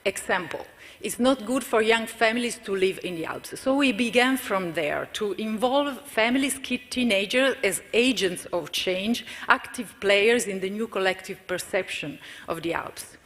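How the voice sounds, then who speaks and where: A woman's voice: mid-range voice, expressive, normal speed, fairly bright tone. A woman giving a conference presentation for her community cooperative, hesitant with fillers and restarts. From Italy. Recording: reverberant conference hall.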